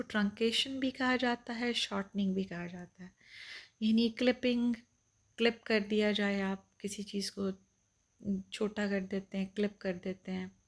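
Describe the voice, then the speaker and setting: Woman, English teacher, lecture, gravelly, patient, repeats points, slow English lines. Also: fairly high pitch. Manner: patient, explains each point twice, reads English lines slowly. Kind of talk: explaining lecture.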